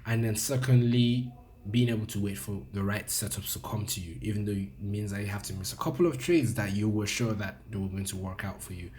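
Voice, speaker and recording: A man's voice: fairly low pitch, fairly quick, darkish tone, a little hiss or hum. A man teaching forex trading in a loose, conversational trade review, full of fillers and restarts. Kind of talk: casual screen-recorded trade review.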